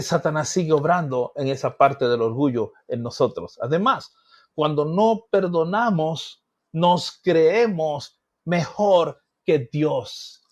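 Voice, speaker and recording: A middle-aged male pastor preaching a teaching sermon, acting out voices and objections with emphatic bursts. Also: on the high side.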